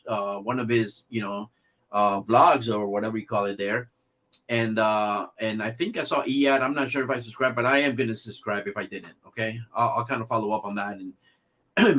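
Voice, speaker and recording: A man's voice: medium pitch, fairly bright tone. A man hosting a casual livestream about theme park news, talking loosely with many fillers and restarts. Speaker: livestream host.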